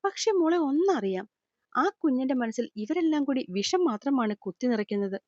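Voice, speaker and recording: A woman voicing an older man, a gentle worried father figure, softly consoling and explaining in an audio storybook. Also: high-pitched, big pitch swings, moderate pace, no echo. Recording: slightly dull lo-fi recording.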